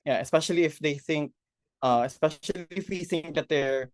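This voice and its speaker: A man's voice: fairly high pitch, normal speed, dry recording, studio quality. A man with a Filipino accent, a panelist answering a question thoughtfully on a video call and switching between languages. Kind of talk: online forum answer.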